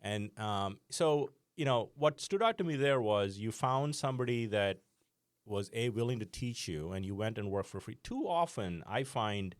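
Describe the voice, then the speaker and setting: A man's voice: fairly low pitch, expressive, moderate pace, dry recording, clean studio sound. A middle-aged man hosting a podcast, reflecting on what his guest said in a conversational, filler-laden way. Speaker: podcast host. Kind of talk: interview conversation.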